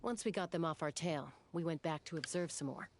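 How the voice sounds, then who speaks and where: A woman's voice: sits low, brisk, a little hiss or hum. A woman voicing a cool, level-headed scout with a dry manner in a video game. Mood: reporting. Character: cool, level-headed female scout, dryly amused partner.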